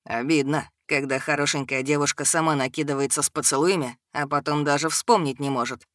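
A woman voicing a calm, sarcastic, centuries-old male dragon shapeshifter in an audiobook, in a low vibrating voice. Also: brisk, no room sound, clean studio sound. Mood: calm, sardonic. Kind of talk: audiobook character voice.

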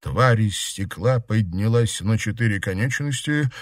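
A man reading an audiobook as narrator, in a steady, dramatic manner. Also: on the low side, a little slow, no echo, clean studio sound. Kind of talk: scripted narration.

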